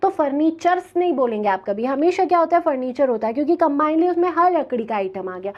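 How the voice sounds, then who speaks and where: Woman teacher, high voice, slow grammar explaining w lots of questions, kinda muffled lo-fi audio. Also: expressive. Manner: explains slowly with repeated questions to students. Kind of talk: classroom grammar lecture.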